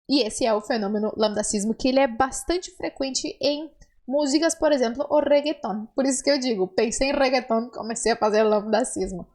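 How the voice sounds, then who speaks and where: A young adult woman with a southern Brazilian accent teaching a language lesson, patiently explaining and modeling words slowly for the listener to repeat. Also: fairly high pitch. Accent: southern Brazilian Portuguese. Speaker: Spanish teacher.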